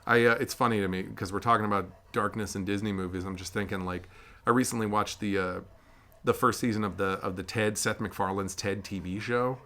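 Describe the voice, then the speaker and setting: A man's voice: on the low side, steady tone, brisk, sharp tone. A young man hosting a casual chat, rambling and self-correcting with a joking streak. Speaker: podcast host. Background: dogs.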